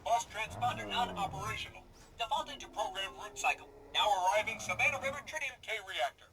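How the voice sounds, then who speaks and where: An actor voicing a malfunctioning robot bus driver through a robotic filter, making flat, glitching error announcements in a game clip. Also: male voice, sits high, fast, over a noisy crowd.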